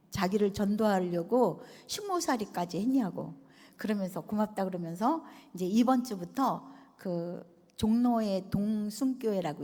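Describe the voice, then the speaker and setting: Pastor's wife, testimony speaker: animated storyteller who acts out quoted dialogue, recorded in a reverberant hall. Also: female voice, medium pitch. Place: large hall at a retreat resort.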